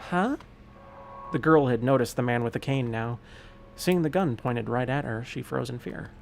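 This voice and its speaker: A male gaming streamer reading a visual novel's narration aloud, with a steady voice and the odd slip he corrects. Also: medium pitch, normal speed, creaky, a little hiss or hum. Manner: steady narrating read with occasional slips and self-corrections.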